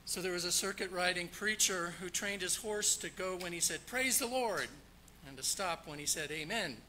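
A man's voice: high-pitched, fairly even intonation, normal speed, bright, forceful tone, slight background noise, low-quality recording. A man preaching a church sermon, opening with jokes told in a storytelling manner before explaining scripture. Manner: jokey, storytelling, then explanatory. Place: church sanctuary.

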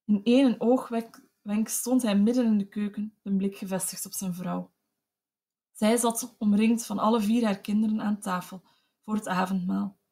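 A woman narrating an audiobook of classic literature in a steady, measured storytelling voice. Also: medium pitch.

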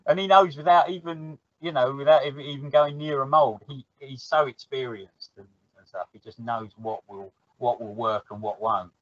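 A man's voice: mid-range voice, moderate pace, a bit bright, no room sound, dull audio. A man with a South London accent chatting casually on a podcast, laughing easily and often trailing off mid-thought. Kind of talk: casual chat.

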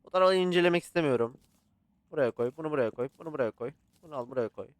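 A man casually commentating a horror photography game, swearing and yelling at scares between calm muttering. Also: fairly high pitch, racing, no room sound. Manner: swears and yells at jump scares, chatty with the game. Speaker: gaming channel host. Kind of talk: casual let's-play commentary.

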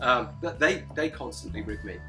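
A man's voice: mid-range voice, expressive, moderate pace. Man, live stream host, casual banter, laughs a lot, guitar music behind. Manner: joking, laughs often, swears casually. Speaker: livestream host. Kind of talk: casual chat, reading viewer questions.

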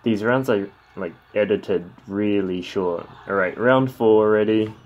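A man's voice: on the low side, a little slow, a little mellow, dull audio. A man giving casual, laid-back reaction commentary on a Muay Thai fight in sparse remarks and short interjections, over background noise. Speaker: fight commentary video creator.

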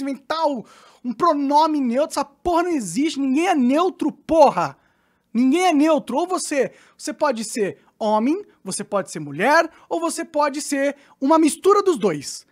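A Brazilian woman commentating with heavy sarcasm, exasperated and swearing often. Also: sits high. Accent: Brazilian Portuguese. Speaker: podcast commentator.

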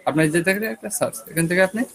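A man with a Bangladeshi Bengali accent leads an online web design lesson from his computer mic. His voice sits a bit high and he talks fast, walking students through each step and asking if they follow. His throat sounds a little sore. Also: rough recording. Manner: casual, talks students through screen steps with checking questions. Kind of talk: online class lecture.

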